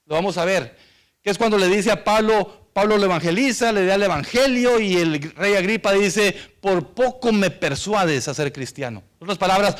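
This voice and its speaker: A man preaching a sermon, reading Bible verses aloud and explaining them to the congregation, whom he calls church. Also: high voice. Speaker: pastor.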